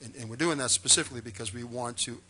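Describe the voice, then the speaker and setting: A man's voice: mid-range voice, racing, sharp tone, breathy edge. A man, a town official, answering a board's questions at a public meeting in an emphatic, reassuring, formal way.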